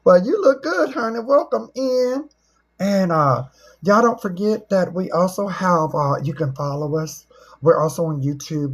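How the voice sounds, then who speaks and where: Here a middle-aged woman chats on a livestream in a relaxed, homespun style, cracking jokes and teasing her audience. Her husky voice sits at a medium pitch.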